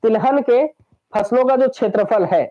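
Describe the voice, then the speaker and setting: A man's voice: very high-pitched, moderate pace, dark tone. A man teaching an exam-prep lesson, repeating lists over and over and quizzing his students. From Chhattisgarh, India. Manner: drills lists by repetition, asks students questions. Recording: dull lo-fi recording.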